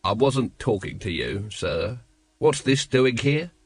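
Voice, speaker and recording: Audiobook role: world-weary captain, performed by male narrator, sarcastic, snappish, animated, dry studio sound. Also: mid-range voice, takes it slowly, no echo, exaggerated voice. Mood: wary. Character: exasperated, sardonic middle-aged male watch captain.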